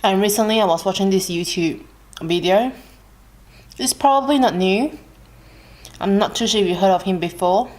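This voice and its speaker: An Australian woman chatting casually while she eats, relaxed and unhurried, pausing between bites with soft hums. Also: medium pitch. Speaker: mukbang vlogger. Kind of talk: casual chat while eating.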